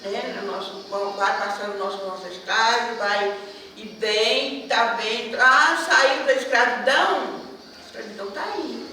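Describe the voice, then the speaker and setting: A woman from Brazil speaks at a community gathering, telling stories in a chatty, animated way and often tossing in little questions to the listeners. Her voice sits somewhat high. She is picked up from a distance in a very echoey hall, with noise clearly audible behind her. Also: unhurried. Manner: chatty, animated storytelling with frequent tag questions. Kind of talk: storytelling at a public event. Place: event hall.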